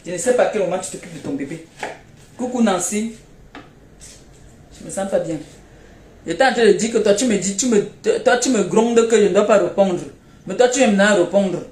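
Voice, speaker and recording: A woman's voice: medium pitch, darkish tone, roomy sound. A woman with a Cameroonian French accent, feeling unwell, scolding and mocking someone in repetitive jabs during a phone live stream. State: unwell, tired.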